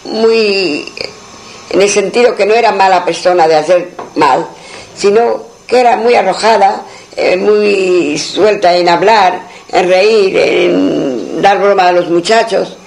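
A man's voice: high voice, slow pace, gravelly, poor audio. A man telling a traditional folk tale in a rambling way, full of asides and restarts. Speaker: storyteller.

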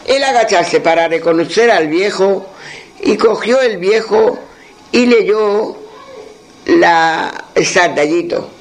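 Male oral storyteller, high voice, very slow, halting and repetitive. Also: expressive, low-quality recording. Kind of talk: oral folk tale telling.

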